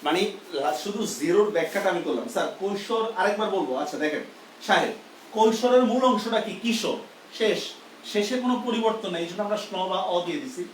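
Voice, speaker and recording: A man's voice: high voice, fast talker, echoey room, far from the mic, a little hiss or hum, rough recording. A man teaches a grammar lesson live. He explains step by step and keeps asking whether the class understands.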